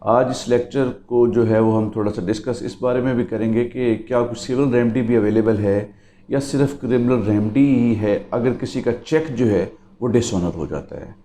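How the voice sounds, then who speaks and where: A man's voice: mid-range voice, moderate pace, dark tone, reverberant. A male lawyer gives a lecture on the law, explaining it step by step and often telling listeners to remember each point. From Pakistan. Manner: explanatory, keeps repeating "remember". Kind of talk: legal lecture.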